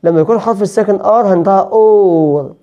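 A woman with an Egyptian Arabic accent teaching an English pronunciation lesson, explaining quickly and then drawing out each example word slowly and repeating the list. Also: medium pitch, lo-fi sound.

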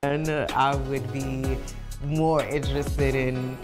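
A woman's voice: rumbling low, little pitch movement, slow, music in the background. A woman in her thirties talking candidly and upbeat in a documentary interview, recorded with a clip-on mic. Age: 30s.

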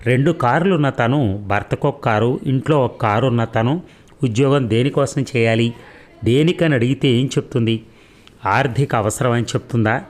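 A man narrating a story aloud in a measured, reflective way, lingering on key phrases. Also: mid-range voice. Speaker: audiobook narrator.

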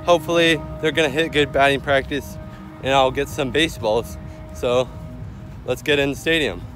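A young man talking casually into a phone camera held at arm's length, outdoors at a ballpark, in a chatty, hurried way. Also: mid-range voice, a bit bright, faint music behind. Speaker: vlogger. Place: outdoors at a ballpark and its parking lot.

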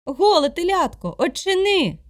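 A woman voicing a sharp, stubborn little awl in a storybook tale, curt and blunt. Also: mid-range voice, animated, a little fast, no echo, clean studio sound, lightly acted. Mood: threatening.

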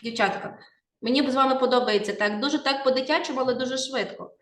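A woman teacher with a Ukrainian accent walks her pupils through a poem, pausing to check they follow. Her voice sits a little high. It is picked up from a distance in a reverberant classroom. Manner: explanatory, addressing pupils with frequent "так?" checks. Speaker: literature teacher. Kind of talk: classroom poetry analysis lesson. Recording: echoey classroom, from far off.

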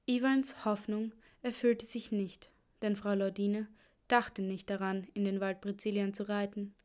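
A woman narrating a children's storybook in a steady, even reading style. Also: mid-range voice, unhurried, clean tone. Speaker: audiobook narrator.

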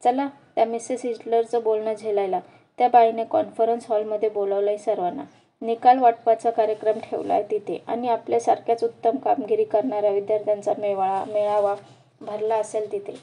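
Woman doing a joking college guy, casual, mellow dark voice. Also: medium pitch, level tone, brisk, close to an everyday voice. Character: joking young male college student.

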